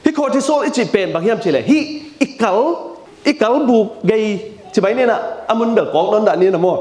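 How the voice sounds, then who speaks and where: A man delivers a sermon with a high voice that swoops up and down as he talks. He repeats phrases for emphasis and drops English terms into his preaching. The sound bounces around an echoey room. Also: fairly quick. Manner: lively, animated delivery with frequent repetition.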